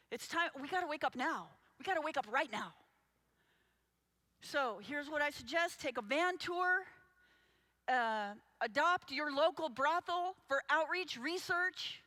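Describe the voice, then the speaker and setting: A woman's voice: high-pitched, lively intonation, measured pace, long pauses, sharp tone. A woman advocate giving an impassioned conference talk, urgent and speaking straight to the audience. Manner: urgent, addresses the audience directly. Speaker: anti-trafficking advocate.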